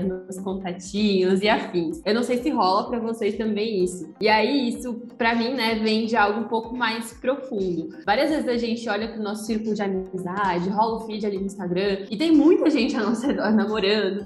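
A woman hosts a casual podcast conversation in a loose, informal way. Her voice sits at a middle pitch and rings in a roomy space. Soft music plays behind her. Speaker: podcast host.

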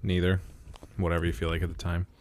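Young guy cracking jokes on a podcast, lowish voice, dead dry sound. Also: monotone, quick pace, darkish tone, no room sound. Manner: joking, playful banter. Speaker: podcast co-host. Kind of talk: casual chat.

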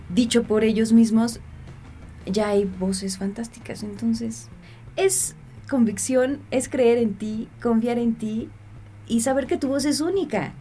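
A woman's voice: on the high side, dark tone. A woman, a voice actress and teacher, explaining voice work in a confident, playful interview.

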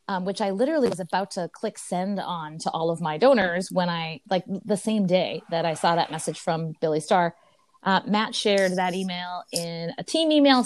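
A woman co-hosting a team podcast, chatting casually in an upbeat way with a loud voice and many fillers. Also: on the low side. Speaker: podcast co-host. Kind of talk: casual chat.

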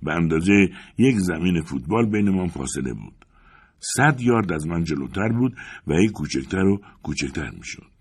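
A man narrating a novel as an audiobook, in an expressive, dramatic reading style. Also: sits low, slightly rough.

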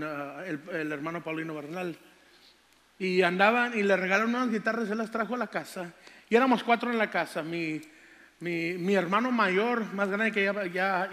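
An older man preaches, stretching out scripture with fervor before drifting into folksy childhood stories. His voice sits high for a man. The church hall around him rings with long reverb. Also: a bit bright. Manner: fervent, drawn-out scripture reading, folksy storytelling. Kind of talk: sermon testimony.

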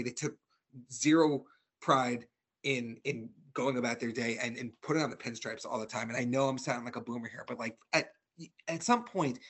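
A man's voice: medium pitch, a bit bright, slightly rough. A man co-hosting a casual sports fan talk show, ranting with frustration and stumbling over repeated words.

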